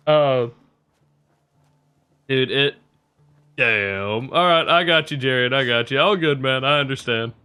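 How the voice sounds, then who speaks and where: A young man talks casually to his live-stream viewers, rambling through stories and cursing freely. His voice is bright, forward and crisp, and he laughs easily between remarks. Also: medium pitch, slow, pauses often, faint music behind. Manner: rambling, profane, laughs often.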